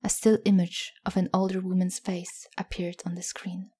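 A woman narrating an audio story in a soft, scripted delivery that often drops near a whisper. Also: fairly low pitch, little pitch movement, normal speed, breathy edge.

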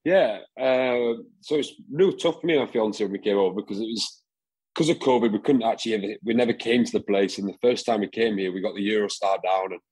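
Man, 20s, from england, husky, lowish voice, casual interview, headset video call. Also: quick pace, poor audio. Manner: relaxed, rambling with fillers and laughs. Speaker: guest rugby player. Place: home room, indoors.

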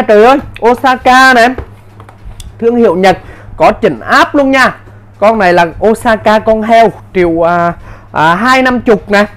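A man giving an insistent hard-sell live sales pitch as a seller, in short, repetitive bursts. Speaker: live-sale seller of power tools.

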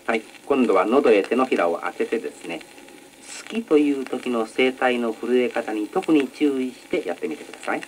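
A man teaching announcing technique in a measured, polite lecture style, on an old educational record. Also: mid-range voice, expressive, rough recording. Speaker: announcing instructor. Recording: old record with faint noise.

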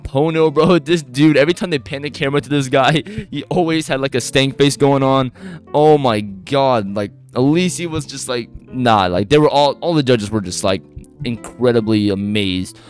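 An excitable man talks through a beatbox performance in loose, casual reaction commentary. His voice sits at an ordinary middle pitch. He gushes, rambles and trips over fillers, with faint music playing underneath. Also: normal speed.

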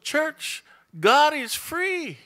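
Very high-pitched and very animated, this middle-aged man speaks very slowly in a sharp tone with a Hawaiian Pidgin-tinged accent. He is a pastor giving a sermon in a conversational style from his seat in a small church room, questioning the congregation, with a stand mic in front of him.

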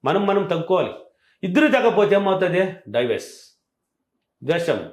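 Fast-talking, emphatic man giving advice. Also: high-pitched. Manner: animated, emphatic, repetitive. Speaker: relationship coach. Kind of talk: advice talk. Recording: roomy echo.

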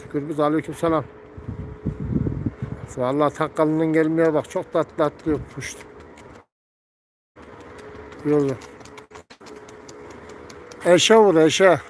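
A man talking casually as he flies and tends his pigeons, calling them back and scolding loudly, recorded outdoors by a coop. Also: a little high, background noise. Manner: calls birds with repeated gel, gel and whistles, scolds loudly. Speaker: pigeon keeper. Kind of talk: casual narration while tending pigeons.

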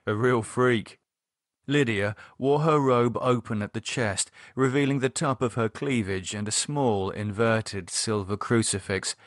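Male audiobook narrator, measured delivery, mid-pitched, close dry studio sound. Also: no room sound. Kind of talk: scripted narration.

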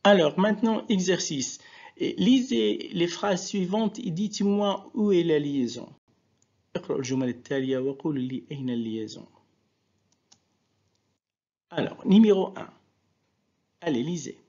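Male French teacher, husky, slightly high voice, patient and unhurried; dull lo-fi recording. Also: animated, darkish tone. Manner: slow, patient teacher, drawing out and repeating example words. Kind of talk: classroom lesson explained in French and Arabic.

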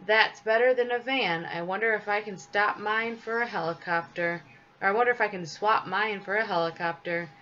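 A woman's voice: mid-range voice, moderate pace, sharp tone, close to an everyday voice. Woman reading as a cheerful village postman. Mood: cheery. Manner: friendly and chatty. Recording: slightly dull with faint hiss.

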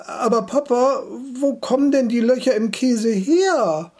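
A man's voice: extremely high pitch, unhurried, a little mellow. A man voicing a curious, stubborn little boy who keeps pleading with his parents. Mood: whiny insistent. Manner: pleading, insistent questions.

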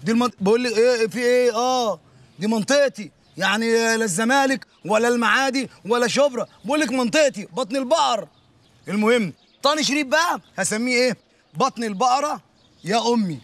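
In a TV drama, a bragging local man with big dreams of stardom as a singer. He rattles along very fast in a high voice, in Egyptian Arabic. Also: fairly bright tone, no room sound. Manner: rapid, bragging, chatty. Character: boastful neighborhood man dreaming of singing fame.

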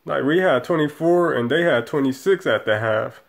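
A man's voice: a little high, lively intonation, normal speed, creaky. A man in his thirties giving a profane, rambling post-game rant as a football fan, filmed in a small room on a webcam. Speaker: sports fan vlogger.

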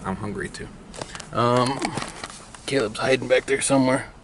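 Dad vlogger, 40s, gravelly, joking road-trip chatter over road noise. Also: male voice, medium pitch, moderate pace. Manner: joking, chatty, narrating to camera. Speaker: family vlogger, father. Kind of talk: casual road-trip vlog. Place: inside a moving car. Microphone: camera held at arm's length.

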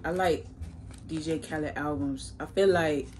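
Low-voiced young woman chatting while chewing. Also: fairly even intonation, measured pace, darkish tone, slight background noise, rough recording. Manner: slangy, informal, addresses viewers as bro and y'all. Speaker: mukbang vlogger. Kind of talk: casual chat while eating. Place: small room at home, indoors.

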